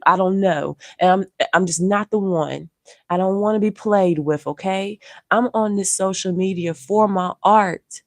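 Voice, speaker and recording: A woman with a darkish, mid-range voice speaks on a home livestream in studio quality with no room sound. She's a social media artist and streamer who is losing her voice and feeling unwell. Keeping her voice down, she bluntly scolds her viewers with profanity in a live-stream rant.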